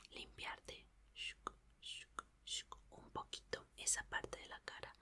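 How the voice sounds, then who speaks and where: In an ASMR roleplay, a woman plays a young female mechanic who is reassuring and curious. She speaks in a soft, breathy, soothing whisper, unhurried and murmuring, repeating phrases.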